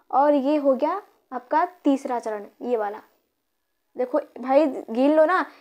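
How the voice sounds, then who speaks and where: A woman's voice: sits high, a little mellow. A woman teacher explaining a grammar lesson, counting syllables aloud and asking her pupils questions.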